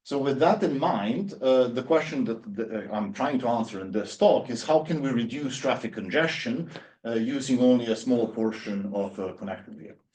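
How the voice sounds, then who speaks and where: A man's voice: medium pitch, lively intonation, moderate pace, darkish tone. A man in his thirties from Serbia, giving an academic lecture with many fillers and restarts. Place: university seminar room.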